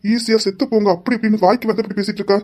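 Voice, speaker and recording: A man playing a fast-talking, devoted young husband. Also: high voice, fairly even intonation, close to an everyday voice. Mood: reproachful. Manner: gently reproachful, explaining at length. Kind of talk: hobby audio drama acting.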